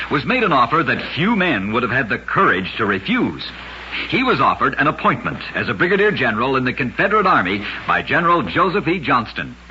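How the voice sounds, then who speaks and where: This radio host's mid-range voice is bright and forceful as he recounts short, strange stories in a dramatic, emphatic scripted manner. The sound is lo-fi, coming from a noisy, band-limited vintage radio recording.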